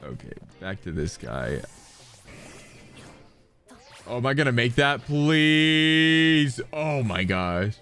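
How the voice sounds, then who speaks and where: A man streaming a video game, chatting casually with his viewers in an excitable, rambling way full of asides. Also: sits low, slow, pauses often, faint music behind. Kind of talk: casual gameplay chat with viewers.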